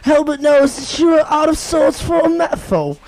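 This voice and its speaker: A man's voice: very high voice, expressive, fairly quick, a little mellow, poor audio. A man playing a melodramatic young prince who speaks in overblown, old-fashioned stage diction, in a comedy sketch. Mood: grandiose.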